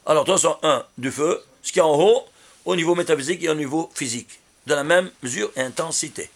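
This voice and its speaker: A man, a rabbi, giving a Torah lesson on numerology with an animated manner, firing rhetorical questions at his listeners. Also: fairly high pitch, fast talker.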